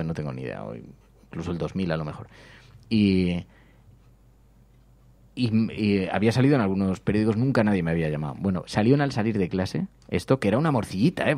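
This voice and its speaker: Man in his 40s, radio host, casual chat, lively storytelling, lowish voice, dry sound. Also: fast talker, dry recording. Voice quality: animated storyteller, acts out quotes.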